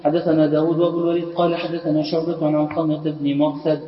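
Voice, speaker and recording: Male student reader, rapid flat recitation of old texts, distant roomy lo-fi recording. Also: fairly high pitch. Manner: flat, hurried reading of narrator chains. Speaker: student reading the text aloud. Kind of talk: rapid recitation of classical hadith text. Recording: distant, echoey hall, dull lo-fi sound.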